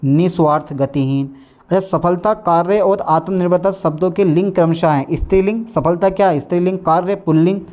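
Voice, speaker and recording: A man's voice: sits high, fairly quick, a little mellow. A man teaching an exam-prep lesson in a coaching-class style, coaxing and urging his students to read along, speaking with a north Indian Hindi accent.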